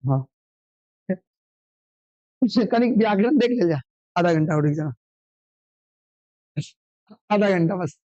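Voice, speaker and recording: A man teaching an online exam revision class, firing quick questions and answering them himself, sometimes scolding. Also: sits high, expressive, dark tone, no echo, dull audio. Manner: drilling call-and-response questions, brisk and scolding.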